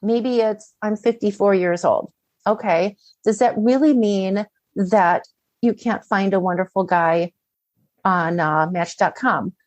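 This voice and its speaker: A middle-aged woman appears as an interview guest, offering conversational coaching advice, often asking questions and acting out inner dialogue. Her medium-pitched voice is slow, and the recording is muffled but without echo.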